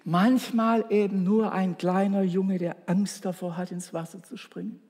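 A male preacher delivers a sermon in an earnest, storytelling way, turning often to speak straight to his listeners. His voice sits slightly high with a husky edge. The sound carries the long reverb of a large hall. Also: steady tone, a little slow, a little mellow. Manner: earnest, storytelling, addresses congregation directly.

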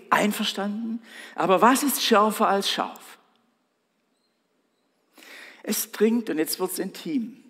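A male preacher delivers a dramatic sermon, his speech slow and drawn out. His voice sits a little high with a husky edge. A long church reverb trails every phrase. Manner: dramatic, slow and emphatic with swells of loudness.

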